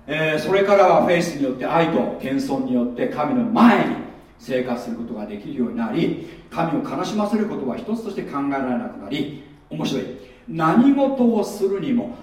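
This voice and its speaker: Heard from a distance in a strongly reverberant room, this man preaches as a pastor, chatting with the congregation and often throwing rhetorical questions at them. His pitch is fairly high and his tone somewhat dark.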